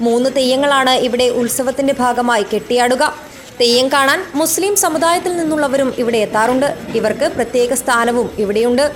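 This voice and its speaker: A woman's voice: sits high, fairly quick. A woman reading a scripted news report as a voice-over narrator.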